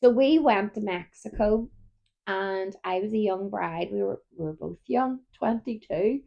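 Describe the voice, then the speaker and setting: A chatty woman in her thirties, co-hosting a relaxed conversation. Her voice carries a gravelly, creaky edge. She tells long stories and keeps yawning. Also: medium pitch, normal speed, lo-fi sound. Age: 30s. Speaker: podcast co-host. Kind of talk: casual chat.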